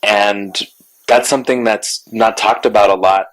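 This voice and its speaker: A man's voice: lowish voice, fairly even intonation, a little slow, a bit bright, low-quality recording. A man co-hosting a casual lunchtime chat, playful and sassy, swearing freely. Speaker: podcast co-host; artist.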